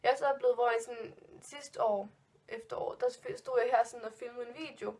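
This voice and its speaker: A woman's voice: on the high side, fairly even intonation, darkish tone, slightly rough. Rambling young woman telling spooky stories. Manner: rambling, many fillers and restarts; spooked, nervous giggles. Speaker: vlogger. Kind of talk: casual storytime vlog.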